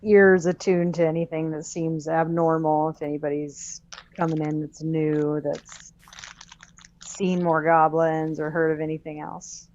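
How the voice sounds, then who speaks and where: Low-voiced woman describing her character. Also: flat delivery, measured pace, darkish tone, highs cut off. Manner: dry, narrates her character's actions. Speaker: player. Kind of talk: casual tabletop game chat.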